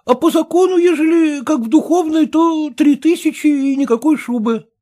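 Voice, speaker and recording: A woman's voice: high-pitched, normal speed, pitched above the performer's own voice, lightly acted. A woman reading a story, voicing a meek man who sighs and wheedles while bargaining. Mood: sighing, reluctant. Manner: sighing, soft-spoken. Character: meek, sighing male heir, wheedling.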